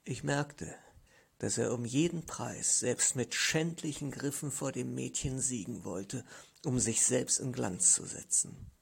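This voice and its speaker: A man reading a literary story aloud in the first person, measured and expressive. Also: mid-range voice, creaky, husky. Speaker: audiobook narrator.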